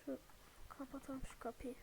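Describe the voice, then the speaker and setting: A young woman streaming a horror game, swearing a lot, yelling in panic at the enemies and then whispering pleas not to be seen. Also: high voice, flat delivery, normal speed, gravelly. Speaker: gaming streamer. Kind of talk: horror game let's play commentary. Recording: faint background noise.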